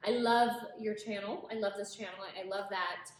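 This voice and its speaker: A woman's voice: medium pitch, fairly even intonation, normal speed. Earnest young woman in a very echoey room. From Ethiopia. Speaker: guest, HR professional. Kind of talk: casual video interview. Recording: very echoey room, faint ambient noise.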